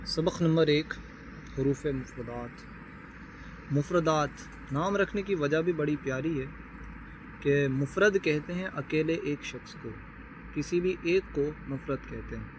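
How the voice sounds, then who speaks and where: Man, Quran reading teacher, fairly high voice, patient, explanatory, spells out letters slowly, faint traffic noise behind. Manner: patient, repeats terms and checks with "okay?"; slowly sounds out Arabic letters one by one. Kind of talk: explanatory lesson for beginners.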